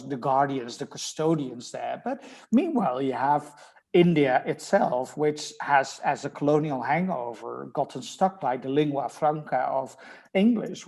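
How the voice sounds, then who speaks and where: A Dutch-accented man from the Netherlands speaks as a research guest in a thoughtful academic conversation. His voice is a little high, gravelly and warm, and he pauses often with ums and restarts.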